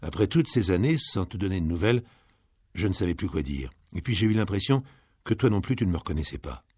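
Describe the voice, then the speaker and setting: A man reading out a letter as an apologetic, earnest young son, steady and plain, in a dramatic audiobook reading. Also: low-pitched, quick pace, husky, dry recording, studio quality.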